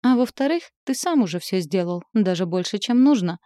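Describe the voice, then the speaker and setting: A woman's voice: mid-range voice, expressive, fairly quick, dark tone, no room sound, studio quality, close to an everyday voice. A woman voicing a brash, mocking old female seer who turns out to be a goddess of prophecy, in a spoken story. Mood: smug.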